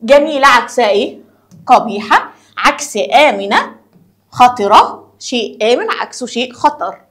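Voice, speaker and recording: A woman's voice: on the high side, lively intonation, moderate pace, fairly bright tone. A woman with an Egyptian accent explaining a school lesson to young children, asking questions and answering them herself. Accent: Egyptian Arabic. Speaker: primary school teacher.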